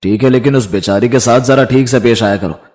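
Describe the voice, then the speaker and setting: A man voicing a weary middle-aged father who pleads slowly and softly. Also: medium pitch, natural voice. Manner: slow, pleading.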